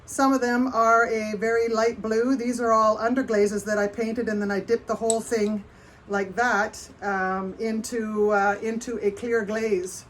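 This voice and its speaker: A woman potter hosts a casual livestream show-and-tell in a Canadian accent, her voice on the high side with a flat, slightly slow delivery. She rambles chattily and frequently breaks off mid-sentence, with noticeable noise in the background.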